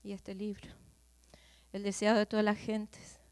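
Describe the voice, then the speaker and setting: A woman preaching a sermon, questioning her listeners directly and swinging from loud outbursts to hushed, near-whispered lines. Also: medium pitch, completely flat delivery, measured pace, smooth, dry recording. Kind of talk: sermon to a congregation.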